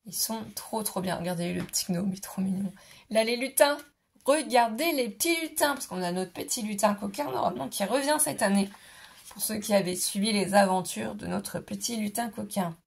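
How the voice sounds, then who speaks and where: With a husky, medium-pitched voice and some vocal fry, a vlogger walks through her scrapbooking haul at a moderate pace. She gushes, calling items "trop mignon" repeatedly, while her fading voice makes her clear her throat.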